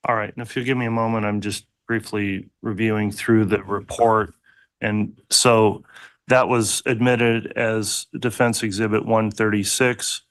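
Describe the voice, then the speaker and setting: Low flat male judge, courtroom recording. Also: a little slow, no room sound. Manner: formal, procedural, steady. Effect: courtroom audio feed. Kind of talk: courtroom proceedings.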